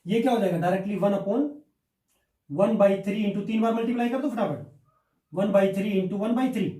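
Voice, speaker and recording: A man's voice: high-pitched, measured pace, mellow. A male maths teacher explains exercises step by step, keeps checking that the class follows, and answers his own questions. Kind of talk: blackboard maths lesson. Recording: echoey room, mic at a distance.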